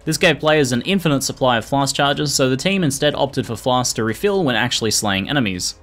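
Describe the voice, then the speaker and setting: Male narrator, middle register, measured informative delivery, scripted voice-over, music underneath. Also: mid-range voice, expressive, a bit bright. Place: voice-over recording.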